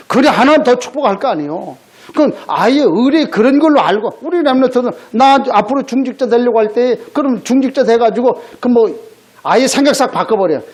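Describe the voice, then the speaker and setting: A man's voice: extremely high pitch, lively intonation, brisk. A male pastor giving a Sunday sermon in a conversational style, with rhetorical questions and blunt scolding asides. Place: church sanctuary.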